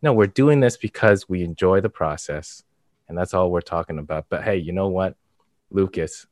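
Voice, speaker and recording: A man co-hosting a podcast in casual chat, with a monotone, flat delivery. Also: low voice, moderate pace, dry recording, clean studio sound. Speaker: podcast co-host, comedian.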